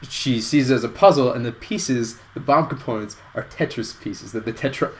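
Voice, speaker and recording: Man, casual host, rambling storyteller, keeps correcting himself, mid-pitched voice. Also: normal speed, a little hiss or hum. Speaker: host pitching a movie idea. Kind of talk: casual comedic chat.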